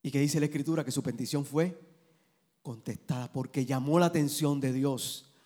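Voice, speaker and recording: A male pastor preaching a sermon, building to fervent, loud passages. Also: medium pitch, normal speed.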